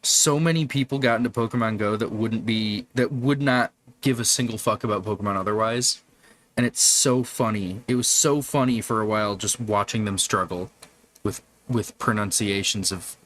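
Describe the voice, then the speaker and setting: A man's voice: on the low side, moderate pace, fairly bright tone. A man hosting a casual livestream, chatting with viewers in a rambling, profane way. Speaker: livestream host. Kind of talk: casual live-stream chat.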